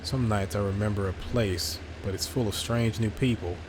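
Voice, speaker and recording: Weary lone river traveler, read by a man, very low pitch, slow reflective delivery, noisy recording. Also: steady tone, close to an everyday voice. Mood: wistful.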